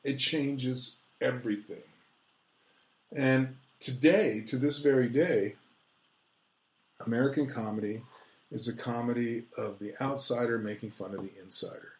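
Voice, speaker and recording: A man's voice: mid-range voice, measured pace, darkish tone. A man, an author and guest, talks over his subject in a casual interview, lecturing with lots of restarts. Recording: roomy echo.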